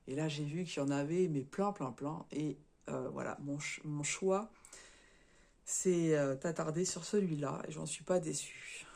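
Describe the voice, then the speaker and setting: A married woman, a little hoarse and stuffy from a cold and slightly out of breath, showing her craft work in a casual vlog, talking haltingly with many fillers and restarts. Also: sits low, a little mellow. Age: adult, married. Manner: chatty, tags sentences with "hein". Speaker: crafts vlogger. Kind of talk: casual show-and-tell vlog.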